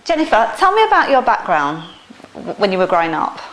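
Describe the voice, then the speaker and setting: A woman's voice: mid-range voice, huge pitch swings, brisk, fairly bright tone, rough recording. Chatty woman interviewer. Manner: chatty, encouraging, frequent backchannels. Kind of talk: interview questions.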